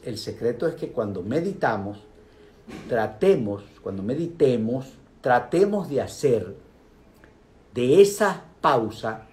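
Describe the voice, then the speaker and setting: An older man talks viewers through meditation in a relaxed, conversational way. His pitch swings widely as he leans into points and drops low for emphasis. The delivery is lively and direct, with playful asides. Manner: animated, speaks directly to viewers, asides and vocal sound effects. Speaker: meditation talk host. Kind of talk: casual spoken talk on meditation.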